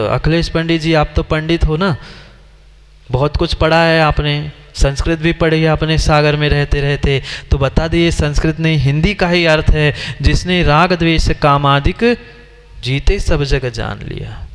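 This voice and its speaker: Jain monk preaching in echoing hall. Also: male voice, a little high, steady tone, a little slow, clear, resonant tone. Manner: questioning, scolding and teaching the audience directly. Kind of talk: sermon. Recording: long hall reverb.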